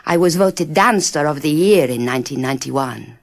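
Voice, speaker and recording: A woman's voice: low-pitched, animated, normal speed, creaky. A woman reading the part of a proud, acclaimed female principal ballerina in a scripted exam monologue.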